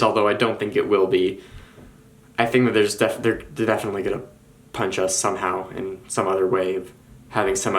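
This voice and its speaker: Rambling young man vlogging. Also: fairly low pitch. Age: young adult. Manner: animated, rambling, quick restarts. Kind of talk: casual chat.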